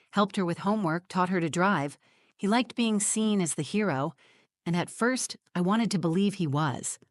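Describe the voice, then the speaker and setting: A woman in her forties narrates a scripted first-person story in a measured, reflective way. Her voice sits fairly low, and the sound is close and dry with no room around it and no echo.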